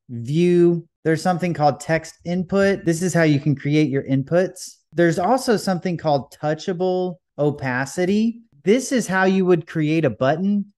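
A man hosting a coding tutorial, talking casually over a screen recording with frequent fillers. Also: a little high. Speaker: developer tutorial host. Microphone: voice-over on a desktop screen recording.

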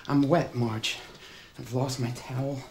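An actor playing a soft-spoken, deceptive young man. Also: mid-range voice, steady tone, a little slow, a little hiss or hum, natural voice. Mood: calm.

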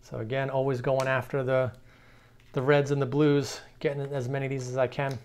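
Man, casual hobby vlog host, relaxed chatty talk, indoor desk. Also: mid-range voice, brisk, clear, resonant tone. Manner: relaxed, chatty, many fillers and restarts. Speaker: card collector, channel host. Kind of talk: casual mail-day card vlog. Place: indoor card room.

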